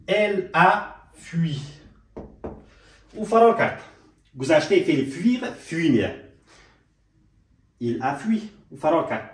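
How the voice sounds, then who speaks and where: Male language teacher, fairly high voice, slow drilled examples, roomy and off-mic. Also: far from the mic. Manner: slows right down to spell out French examples, asks students to repeat. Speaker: French teacher. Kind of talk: spoken language lesson with slow example phrases.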